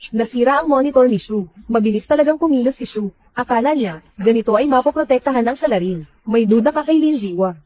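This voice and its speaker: A woman's voice: on the high side, expressive, fast talker, hardly any pauses, dark tone, rough recording. A woman voicing every character of a dubbed drama in one plain voice.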